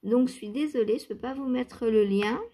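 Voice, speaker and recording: Brief: chatty knitting vlogger, woman, slightly high voice, relaxed and giggly. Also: normal speed. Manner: chatty, laughs often, many fillers. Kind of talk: casual knitting vlog chat. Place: outdoors or by open door, cool weather.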